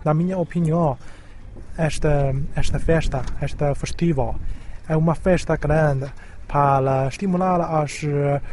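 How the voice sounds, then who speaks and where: A man in his twenties whose first language is Chinese, answering an interview in careful, halting phrases. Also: fairly high pitch, darkish tone, slight background noise. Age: 20s. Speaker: student interviewee.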